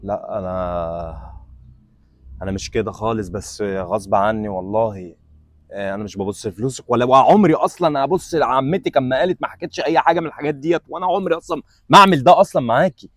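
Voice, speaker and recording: Brief: male actor as a snappish, dismissive young man, Egyptian accent, rapid delivery. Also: a little high, no room sound, lightly acted. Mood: apologetic. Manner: brusque, dismissive, quick to shout. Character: rude, arrogant young man who later grovels. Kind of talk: web sketch acting.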